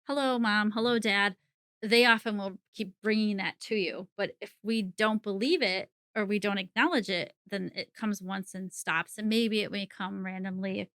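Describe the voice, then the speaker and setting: Bright-voiced, laughing middle-aged woman. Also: medium pitch, steady tone, normal speed, few pauses, no echo, studio quality. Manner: chatty, laughs often mid-sentence. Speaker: psychic medium guest. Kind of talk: casual interview conversation.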